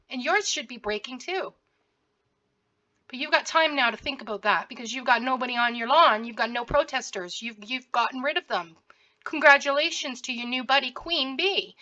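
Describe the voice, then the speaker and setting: With a high, sharp voice, a woman hosting direct-to-camera commentary confronts someone head-on and keeps repeating herself. Her throat sounds sore and scratchy. The audio is dull.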